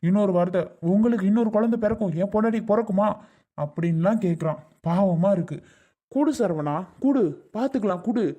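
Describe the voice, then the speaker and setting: A man's voice: high-pitched, a little fast, mellow. A man playing an older father-in-law who coaxes and insists, repeating his pleas, in a family drama skit. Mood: pleading.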